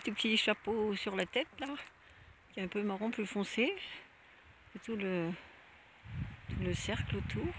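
A woman chatting casually as she walks outdoors and films with a handheld camera, exclaiming at what she sees and sweetly coaxing a dog. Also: mid-range voice. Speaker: nature vlogger. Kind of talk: casual walking commentary. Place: outdoors, walking through a small village. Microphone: handheld camera she films and zooms with. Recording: outdoor noise with a dog barking. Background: dog barking, outdoor ambience.

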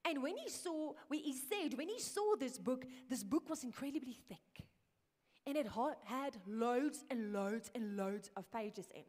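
Woman preacher, earnest, fairly high voice, long hall reverb. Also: lively intonation, a little slow. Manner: earnest, drops to hushed whispers. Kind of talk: sermon. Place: church hall.

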